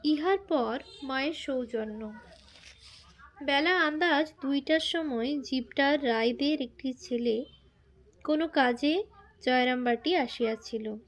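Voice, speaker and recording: A woman reading a biography aloud in formal prose, slow and measured, with quoted lines spoken in a more everyday tone. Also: high-pitched. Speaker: reader.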